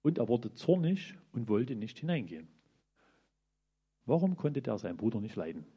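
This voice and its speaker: Guy preaching casual, kinda husky, animated voice, muffled recording. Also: medium pitch, normal speed. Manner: colloquial, animated, asks listeners questions. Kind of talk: informal sermon retelling a parable. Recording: dull lo-fi recording.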